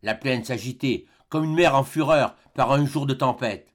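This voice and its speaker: A man giving scripted audiobook narration in a measured, dramatic storytelling manner. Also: medium pitch.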